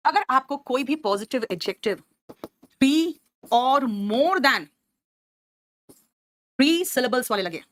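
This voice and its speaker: A woman's voice: high-pitched, lively intonation, slow, pauses often, a bit bright. A woman teaching English grammar in an online class. She explains patiently, calls students by name and "beta", and keeps checking with "right?".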